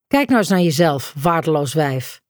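A raging, drunken father spits crude, sneering taunts, as a woman reads him in an audiobook. The voice sits a little low and the recording is close and dry, with no room sound. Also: very animated, moderate pace, no echo. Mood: cold contempt. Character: drunken, abusive, raging middle-aged father.

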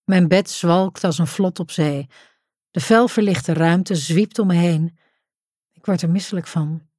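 A woman reads a first-person audiobook in a low, mellow voice. Her telling is intimate and tense, drawing the listener close. The recording is dry and close, with no room sound. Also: measured pace, dry recording. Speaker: narrator.

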